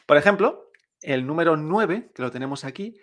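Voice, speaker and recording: A young man teaching Chinese pronunciation in Spanish, explaining slowly, repeating sounds and adding a checking "eh?". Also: fairly high pitch, expressive, fairly bright tone. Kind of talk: pronunciation lesson.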